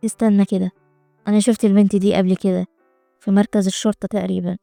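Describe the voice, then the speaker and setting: A woman reads out a stern old grandfather who scolds and blusters, with an Egyptian Arabic accent. The voice stays gravelly and mellow, in a dry room with faint music behind. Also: mid-range voice, little pitch movement, quick pace, no echo, voice pushed down, close to an everyday voice. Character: stern, angry old grandfather, head of the family.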